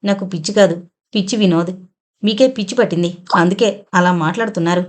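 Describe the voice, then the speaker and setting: A woman's voice: lowish voice, a little fast, natural voice. Woman voicing a shamed, sorrowful young village woman. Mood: earnest pleading.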